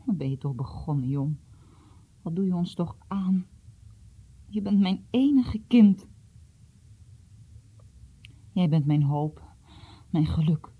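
A woman's voice: medium pitch, lively intonation, normal speed, breathy edge, narrow, tinny audio. A woman reading the part of a devout, grieving mother who speaks reproachfully. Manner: reproachful, tearful.

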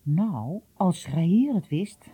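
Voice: medium pitch, expressive, slow, dark tone, breathy edge, full character voice. A reader voicing a curious, eager young man who asks astonished questions, in an audiobook. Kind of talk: audiobook reading.

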